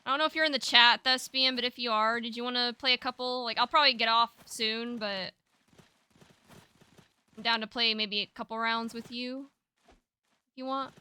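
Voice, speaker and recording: A woman live-streaming a game, her fairly high voice bright and crisp. She chats in a laid-back, rambling way with plenty of fillers as she answers her chat. The sound is dry and close, with no room around it. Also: fairly even intonation, normal speed, long pauses, dry recording.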